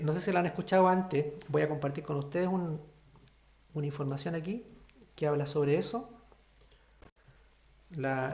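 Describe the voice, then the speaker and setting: Sign language teacher on a video call, patient and explanatory, mid-pitched voice with a roomy echo. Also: a little mellow. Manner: patient, explanatory, often checks in with "¿cierto?". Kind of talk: online class explanation.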